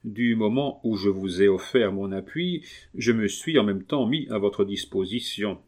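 A man reading a novel aloud, voicing an earnest, persuasive gentleman who speaks in a calm, measured way. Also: fairly low pitch. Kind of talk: audiobook reading.

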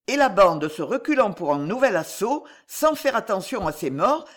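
An audiobook narrator reads a swashbuckling novel with dramatic expression. The pitch moves widely, rising and falling with each turn of the action. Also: sing-song, moderate pace, fairly bright tone.

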